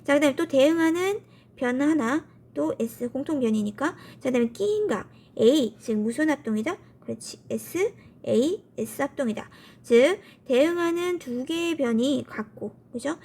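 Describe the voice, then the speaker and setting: Female math teacher, high voice, casual quiz-and-answer lecturing. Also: expressive, a little slow, mellow. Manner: asks questions and answers them herself; colloquial, upbeat, often starts with "so".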